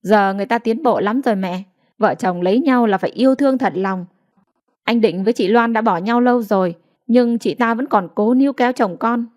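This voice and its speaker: Vai: một phụ nữ đọc cô vợ trẻ độc ác, kiêu ngạo, giọng khinh miệt, ra lệnh sắc lạnh. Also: female voice, fairly high pitch, a little fast, lightly acted. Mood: scornful. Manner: sharp, scornful and commanding. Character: cruel, haughty young woman stealing a child.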